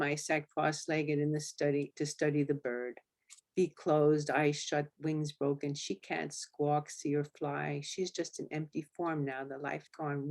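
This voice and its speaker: Low-voiced woman reading her memoir. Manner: steady, flat reading monotone. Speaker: memoir author. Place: public library talk.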